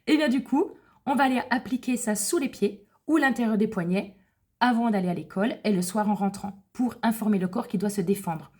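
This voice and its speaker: Mellow, husky-voiced woman explaining products. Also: mid-range voice, fairly quick. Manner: chatty and explanatory, with self-corrections. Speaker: wellness advisor presenting essential oils for children. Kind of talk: casual product explanation to camera.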